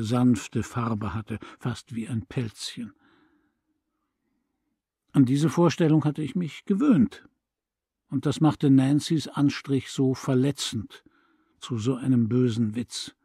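Calm man reading an audiobook. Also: on the high side, husky, dry recording. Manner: calm, measured, reflective. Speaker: audiobook reader. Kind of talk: scripted narration. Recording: dry close studio recording.

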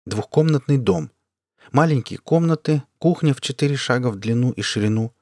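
A man reading a science fiction story aloud as an audiobook narrator, in an even, measured way. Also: on the low side, no echo, clean studio sound. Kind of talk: scripted narration.

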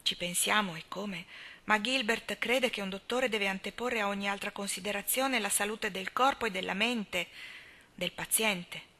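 A woman voicing an earnest young wife who answers calmly and firmly. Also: mid-range voice, normal speed.

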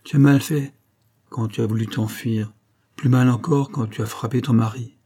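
A man's voice: medium pitch, steady tone, moderate pace, dark tone, natural voice. A man reading an audiobook voices a dying old female servant who solemnly reproaches the young woman she raised. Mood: stern.

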